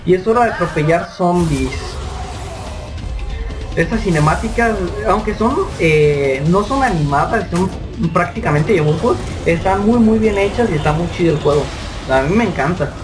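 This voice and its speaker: A young Mexican man with a Mexican accent, joking through a zombie game commentary and panicking in quick "no, no, no" bursts. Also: sits high, lively intonation. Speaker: gameplay commentator. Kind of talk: let's play commentary. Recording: distant mic with loud game music. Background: game music.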